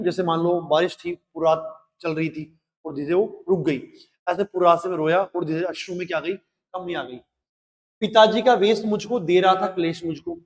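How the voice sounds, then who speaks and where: Man, high voice, hindi teacher, reads poem lines then explains, asks questions back, reverberant room. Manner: recites verse lines then explains them with rhetorical questions. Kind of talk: live class poem explanation.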